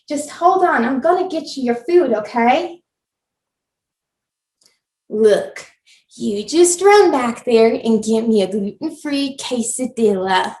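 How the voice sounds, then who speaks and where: A woman playing a shrill entitled customer. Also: a bit bright. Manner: shrill, indignant, complaining. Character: entitled demanding middle-aged woman customer. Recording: roomy, distant mic.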